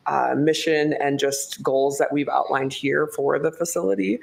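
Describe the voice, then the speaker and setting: Low, unhurried woman's voice with some creak. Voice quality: lower than usual, strained voice. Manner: low, unhurried delivery with pauses. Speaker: city staff presenter. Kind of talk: formal slide presentation to a meeting. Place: council meeting room.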